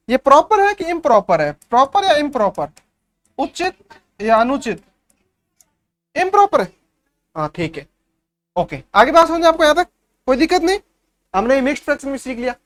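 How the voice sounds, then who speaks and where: Man, high voice, maths teacher, patient step-by-step explaining, keeps checking pupils follow. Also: a bit bright. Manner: keeps checking the class understands. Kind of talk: revision class for young pupils.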